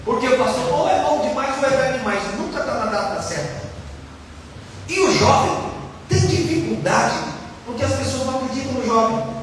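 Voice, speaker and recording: A man preaching a lively sermon as a pastor, asking the crowd questions and acting out quotes. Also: very high-pitched, normal speed, a little hiss or hum. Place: church hall. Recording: echoey hall from far off, faint ambience.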